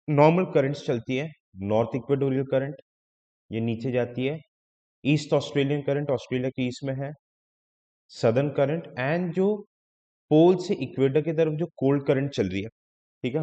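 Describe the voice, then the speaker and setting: A man's voice: mid-range voice, dark tone, muffled recording. Man teaching in an echoey hall. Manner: explains step by step, mixing in English terms, often checks "ठीक है". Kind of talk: exam-prep lecture.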